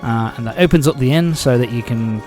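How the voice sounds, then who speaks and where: A man's voice: medium pitch, fairly quick, darkish tone, faint music behind. A man casually commentating a video game playthrough, rambling with many fillers, swearing and chuckling. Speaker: let's play host.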